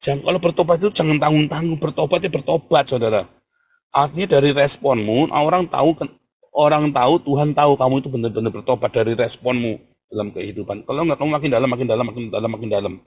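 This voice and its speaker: A man preaching a sermon with fervour, swinging from low murmurs to loud excited bursts and calling his listeners brothers. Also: fast talker, slightly rough. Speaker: pastor.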